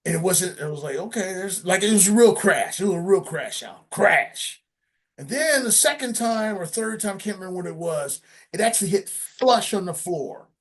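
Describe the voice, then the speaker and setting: A man, a session drummer, telling studio stories in a casual interview, lively and acting out sounds with frequent laughs. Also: high voice, normal speed. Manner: animated, acts out sounds and quotes, laughs often.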